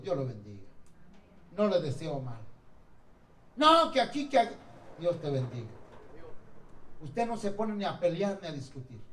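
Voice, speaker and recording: A man preaching a sermon, lively and acting out quotes and jokes. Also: on the high side. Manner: animated, acts out quotes and jokes. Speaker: pastor. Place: church hall. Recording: echoey hall from far off.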